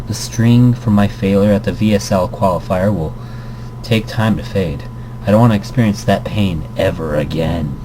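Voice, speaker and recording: Reading game text from a visual novel out loud, a man with a deep voice adds rambling, self-interrupting commentary and playful asides at a moderate pace. Background noise can be heard behind him.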